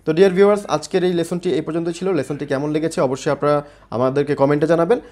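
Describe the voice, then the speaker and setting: A man gives a spelling lesson in a quick, slightly raised voice. He builds each point in small steps and spells words out letter by letter. He keeps checking that his viewers follow along. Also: on the high side, a little mellow. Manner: explains step by step with many checks like "okay?". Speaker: English teacher.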